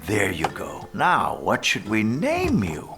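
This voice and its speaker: A man voicing a gentle, fatherly old woodcarver in an animated film, with a flat, phoned-in delivery. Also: on the low side, takes it slowly, over music, full character voice.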